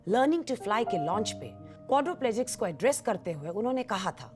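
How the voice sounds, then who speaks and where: A television news reporter in a film. Her delivery is crisp and dramatic. Her pitch is lively and animated. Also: fairly quick, music in the background.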